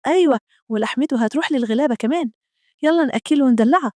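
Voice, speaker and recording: A woman's voice: sits high, rapid-fire, a little mellow, no echo, clean studio sound, lightly acted. A woman voicing a middle-aged Egyptian mother who scolds her husband and patiently explains things to her children, with an Egyptian accent. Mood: tender. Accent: Egyptian Arabic.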